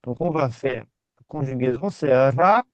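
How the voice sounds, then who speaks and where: A man teaching a language class, reassuring his students and repeating words slowly. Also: mid-range voice, animated, no echo. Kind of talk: patient step-by-step class. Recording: dull, dry sound.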